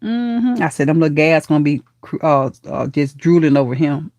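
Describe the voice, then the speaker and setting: A woman's voice: deep voice, expressive, normal speed, no room sound, dull audio. Churchy auntie woman on a live stream. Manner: warm affectionate auntie talk, calls viewers baby and honey; churchy, speaks of God and blessings. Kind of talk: casual live chat reading comments.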